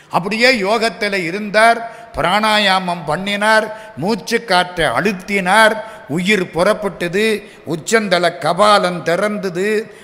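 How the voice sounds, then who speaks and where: Slow, echoing devotional storyteller. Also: male voice, high-pitched, a bit bright. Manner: storytelling with rhetorical questions and self-answers; acts out the dialogue of the figures in his stories. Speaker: devotional speaker. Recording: long hall reverb.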